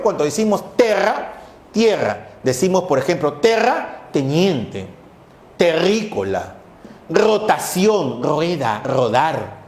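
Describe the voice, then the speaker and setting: A man's voice: sits high, darkish tone, reverberant. A male teacher giving a lecture on language history, explaining patiently and often checking with "¿no es cierto?". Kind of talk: classroom lecture.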